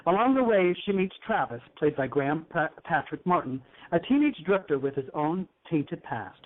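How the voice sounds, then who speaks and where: A man's voice: on the high side, sing-song, moderate pace. A man hosting a talk show in a flamboyant, teasing, effusive manner. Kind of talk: campy talk show chat. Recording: tinny phone-like line.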